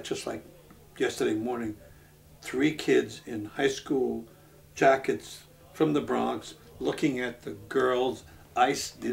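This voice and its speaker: A man, from Brooklyn, speaking earnestly in a documentary interview, halting with many restarts. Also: medium pitch, gravelly. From Brooklyn, New York. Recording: voice from a distance off the mic.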